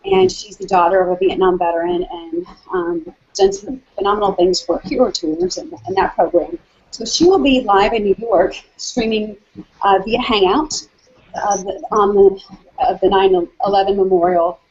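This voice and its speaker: Husky woman on a lo-fi video call. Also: medium pitch, expressive, normal speed, a little mellow. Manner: chatty, many ums and restarts. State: slightly out of breath from walking. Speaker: hangout host. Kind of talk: casual video call chat. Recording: dull lo-fi video call audio.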